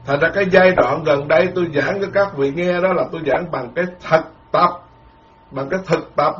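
A male Buddhist monk preaches a dharma talk in a fairly high voice, repeating words and leaning on homely proverbs. The sound is dull and lo-fi, as on an old lecture tape. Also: a bit bright. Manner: repetitive, folksy, emphatic with proverbs.

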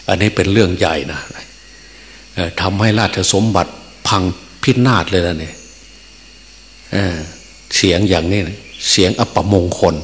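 A man's voice: sits low, fairly bright tone. A male Buddhist monk teacher telling a story in a sermon. He speaks in a folksy way, with many filler sounds and chuckles, in a temple hall. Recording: long reverb, faint hum.

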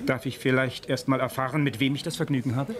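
An actor playing a condescending gentleman art buyer in a radio play, speaking with polished irony. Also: medium pitch, steady tone, fast talker, crowd noise, close to an everyday voice. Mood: aloof.

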